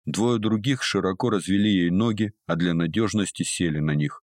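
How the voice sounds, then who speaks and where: A man with a very deep, low voice narrates a story in a steady, even manner. The recording is close and dry, with no room echo at all. He reads as a practised audiobook narrator. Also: normal speed. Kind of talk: scripted narration.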